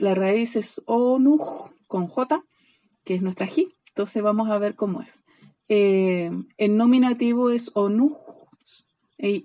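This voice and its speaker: A woman teaching a recorded online class, patiently spelling out word endings and checking in with a quick "ya?" after nearly every line. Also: medium pitch, warm tone. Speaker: Greek teacher.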